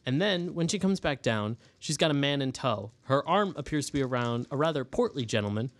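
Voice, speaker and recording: A man's voice: medium pitch, a little fast. Casual male game master narrating. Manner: casual, relaxed narration with fillers.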